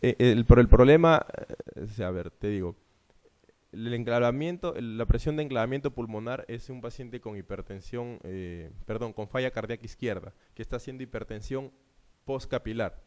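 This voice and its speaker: A man going through medical exam questions in a conversational lecture, often checking in with quick asides. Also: mid-range voice, darkish tone. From Peru. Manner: conversational, checks understanding with frequent "¿no?" and "¿ya?".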